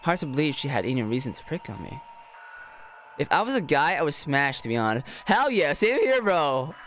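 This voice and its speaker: A streamer reads a visual novel aloud, breaking off between lines for slangy, jokey reactions and casual commentary. His man's voice is on the high side, a little fast and a bit bright, with big pitch swings. Music plays behind him, and there's a little hiss or hum.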